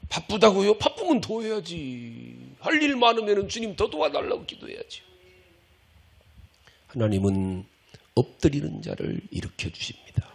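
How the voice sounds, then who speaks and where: Gravelly, lively-voiced male pastor preaching. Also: high-pitched, moderate pace. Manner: impassioned preaching, acts out prayers and pleas; folksy, scolding, conversational with the congregation. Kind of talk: sermon.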